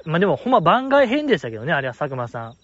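This podcast host, speaking rapid-fire in a higher voice with a Kansai accent, banters casually about listener mail. His lively, playful commentary is peppered with laughter, captured in dull, dry lo-fi sound with no room tone.

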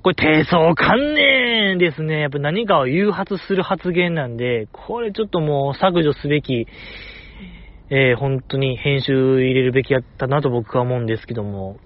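A man with a Kansai Japanese accent hosts a podcast on his own, chatting casually and repeating things for emphasis. His voice sits in the mid range at a normal speed, and the recording sounds muffled.

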